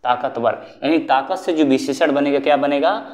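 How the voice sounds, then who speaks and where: A man's voice: on the high side, fairly quick, darkish tone. Young male tutor, online exam-prep lesson, drills by asking and repeating each answer. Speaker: Hindi grammar teacher.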